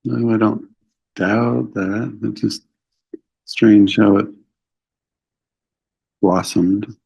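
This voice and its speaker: Gravelly man on a prison phone call. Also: on the low side, fairly even intonation, extremely slow, a little mellow. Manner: agreeable, brief replies, chuckling. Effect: recorded prison phone call. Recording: muffled lo-fi phone recording.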